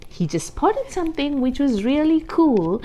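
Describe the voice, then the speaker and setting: A woman with a high voice reads a picture book aloud to young children. She is expressive and deliberate, stressing key words and adding explanatory asides and questions.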